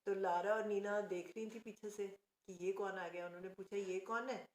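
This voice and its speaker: A woman's voice: mid-range voice, fairly even intonation, fairly quick, a little mellow, a little hiss or hum. A woman telling a fairy tale casually, chatty and correcting herself as she goes. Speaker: storyteller. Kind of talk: casual oral storytelling. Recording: echoey room.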